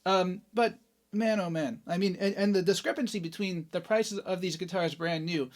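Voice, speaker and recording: With acoustic guitar playing behind him, this Canadian man reviews guitar gear in a casual, enthusiastic way, full of loose fillers and exclamations. He speaks at normal speed in a voice that sits high.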